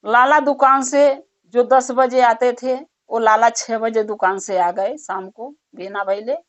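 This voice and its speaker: A woman's voice: a little high, no echo. A woman narrating a devotional story in a plain, conversational way. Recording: dull muffled recording.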